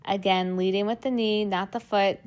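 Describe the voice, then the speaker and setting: A woman's voice: medium pitch, steady tone, normal speed, a little mellow, smooth. A young woman leading a workout class, encouraging and cueing the moves while she exercises along, strained from the effort. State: strained, working out while talking. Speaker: fitness instructor.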